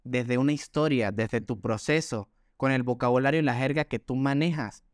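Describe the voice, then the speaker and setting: A man's voice: mid-range voice, normal speed, dry recording, studio quality. A man from Venezuela with an Andean gocho accent, co-hosting a casual podcast chat in an earnest, explanatory way with many restarts. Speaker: podcast co-host.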